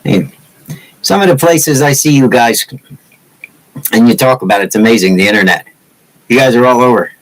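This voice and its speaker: A man's voice: mid-range voice, moderate pace, pauses often, low-quality recording. A man in his sixties from Massachusetts with no regional accent, chatting casually and teasing viewers as the host of a woodcarving livestream. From Massachusetts, USA. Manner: joking, teasing, rambling.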